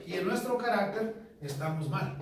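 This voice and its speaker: A man pastor teaching a sermon, measured, repeating key phrases and putting questions to the congregation. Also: high voice, lively intonation, a little hiss or hum. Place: church hall. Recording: echoey church from far off.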